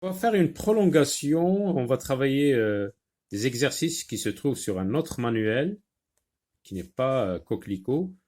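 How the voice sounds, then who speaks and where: Slow, patient man teaching children to read. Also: mid-range voice, sing-song, darkish tone. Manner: slow, careful, stretches out words for young learners; repeats words and asks himself questions. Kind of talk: early reading lesson.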